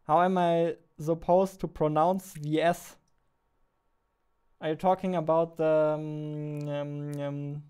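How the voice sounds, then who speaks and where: A man's voice: fairly high pitch, warm tone, clean tone. A young man with a German accent, chatting casually in a game development vlog. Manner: chatty, self-deprecating, laughs often.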